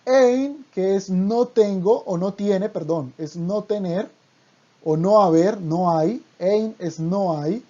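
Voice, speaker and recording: A Hebrew teacher giving an online language lesson, speaking deliberately and repeating each word twice. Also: medium pitch, mellow, muffled recording.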